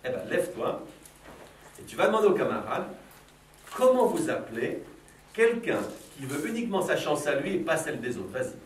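Playful high-voiced man questioning a class. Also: sing-song, moderate pace. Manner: playful, probing, teasing questions. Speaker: philosophy workshop leader for children. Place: school classroom with children. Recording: roomy, from a distance, faint background noise.

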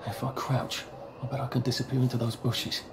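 An actor playing a polite, mild-mannered man in a video game, speaking in a soft, apologetic way. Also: mid-range voice, level tone, a little fast, very noisy, lightly acted. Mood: calm. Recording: game audio under loud music. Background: loud game music.

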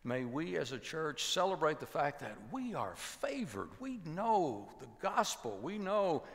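An older pastor preaches in a large sanctuary, his gravelly voice ringing with a long reverb. He tells stories animatedly and acts out the voices of the people in them, sometimes dropping to a hush. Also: a little high, unhurried. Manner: animated storytelling, acting out voices in quotes, dropping to a hushed voice. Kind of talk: sermon with storytelling. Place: large church sanctuary with choir behind.

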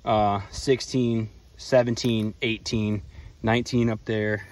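A man's voice: on the low side, little pitch movement, slow, a little mellow. Laid-back young man filming outdoors. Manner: laid-back, counts pellets aloud. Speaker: outdoors channel host. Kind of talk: casual shooting range vlog. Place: outdoor shooting range in a grassy field. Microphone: camera mic a few feet away. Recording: distant outdoor camera mic, faint insects.

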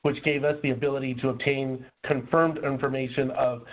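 A man's voice: medium pitch, flat delivery, fairly quick. A man presenting in a polite, formal way, his voice rusty and under the weather with a cold. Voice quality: rusty, slightly rough voice. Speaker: presenter, program local lead. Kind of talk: prepared webinar presentation. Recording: muffled, narrow phone-like line.

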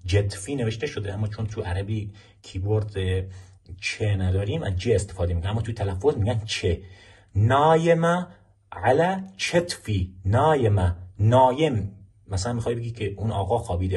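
Male teacher, deep and raspy; explains clips, repeats phrases slowly for drills. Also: warm tone. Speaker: Arabic language teacher. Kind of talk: explaining film clips in a language lesson.

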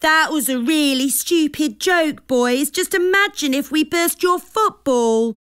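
A woman's voice: high voice, a little slow, voice pushed up. A woman voicing an angry young female insect who scolds the boys in a storybook reading. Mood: scolding. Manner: sharp, scolding.

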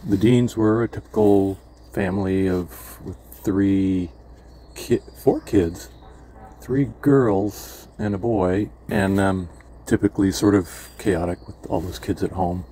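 Older man with a very low voice. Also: steady tone, slow pace, mellow, a little hiss or hum. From California. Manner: rambling, many fillers and restarts. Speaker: memoir vlogger. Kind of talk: casual personal storytelling.

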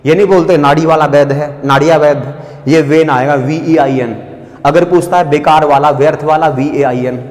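A male teacher giving an exam-prep vocabulary lesson, explaining each word, spelling it letter by letter and asking students if it is clear. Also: a little high, fairly even intonation, moderate pace, a little mellow. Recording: echoey classroom with long reverb.

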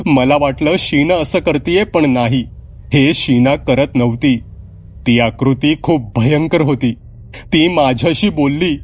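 A man's voice: medium pitch, normal speed, pitched above the performer's own voice, close to an everyday voice. A man voicing a frightened young girl who insists she saw something in her room, speaking in a pleading, panicky way.

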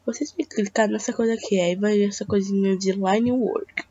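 A Brazilian teenage girl, hoarse from a cold, chats hesitantly in a Brazilian Portuguese accent while walking through a drawing tutorial at home, calling viewers "gente". Her mid-range, mellow voice is steady at normal speed, captured dry on a dull lo-fi mic with faint hiss in this casual screen recording.

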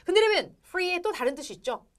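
Lively, high-voiced woman teaching English. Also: quick pace. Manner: playful, addresses viewers often, laughs a lot. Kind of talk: animated TV English lesson.

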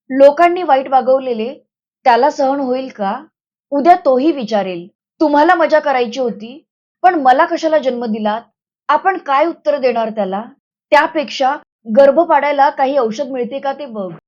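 A woman's voice: high-pitched, a little mellow, lo-fi sound, natural voice. An anxious, pleading young village woman, as a woman reads her.

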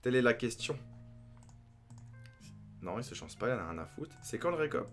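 A young man commentating his own game as a gaming youtuber, thinking aloud and breaking into excited outbursts. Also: mid-range voice, normal speed, faint music behind. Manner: excitable, talks to himself, sudden outbursts.

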